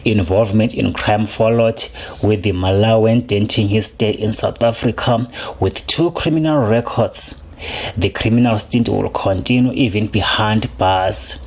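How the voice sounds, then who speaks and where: A man narrating a news feature in a measured, scripted delivery. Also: on the low side, darkish tone. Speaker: news reporter.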